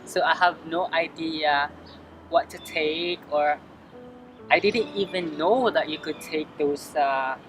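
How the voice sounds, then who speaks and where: A young woman from the Philippines, talking casually as an interview guest out on a city street. Her answers come slowly, full of pauses, fillers and restarts. Music plays clearly behind her throughout. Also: sits low, rough recording. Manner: hesitant, lots of fillers and restarts.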